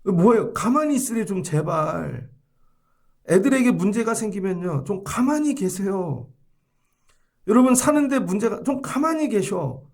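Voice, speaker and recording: A middle-aged male pastor preaching a dawn sermon in a church, lively and animated, swinging between loud emphatic phrases and hushed asides, sometimes acting out quoted voices. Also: high-pitched, normal speed. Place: church sanctuary.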